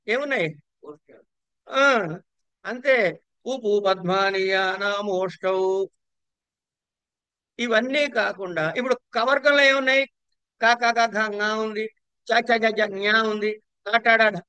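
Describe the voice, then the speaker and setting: Bright, crisp Telugu-accented man lecturing. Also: sits high, dry recording. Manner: explanatory, quizzes listeners with rhetorical questions. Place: lecture hall.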